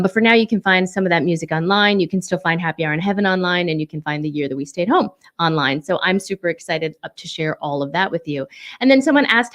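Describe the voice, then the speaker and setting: Bubbly woman chatting on her home livestream, lots of excited whoops, talks right to the viewers. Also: fairly low pitch. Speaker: livestream show host and singer-songwriter. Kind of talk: casual livestream chat.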